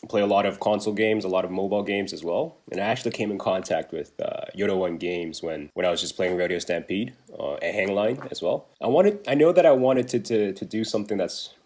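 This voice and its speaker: Deep-voiced young man, chatty with fillers. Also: a little fast, hardly any pauses, a little mellow. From Taiwan. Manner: chatty, many fillers and restarts. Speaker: business development manager. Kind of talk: casual interview answers. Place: remote video call, at home. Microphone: video call.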